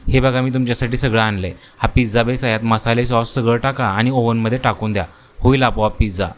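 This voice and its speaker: A man's voice: medium pitch, steady tone, fast talker, lightly acted. Guy doing a sly sister-in-law, sugary and coaxing, cartoon story. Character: young sister-in-law, sweet-talking but sly.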